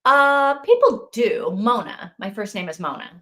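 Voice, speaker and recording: A woman's voice: medium pitch, very animated, a little slow, sharp tone. A woman in a casual book club chat, musing and wondering aloud about the story and her own family.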